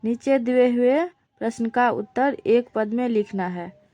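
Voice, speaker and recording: A woman's voice: on the high side, dark tone, dry recording. A woman teacher, patiently explaining a lesson and repeating each word for pronunciation practice. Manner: slow, patient, repeats words for pronunciation drill. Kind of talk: Sanskrit lesson explained in Hindi.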